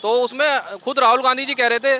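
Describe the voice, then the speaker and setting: A man's voice: very high-pitched, steady tone, a little fast, sharp tone. A man being interviewed on a city street, speaking earnestly and rambling with many fillers.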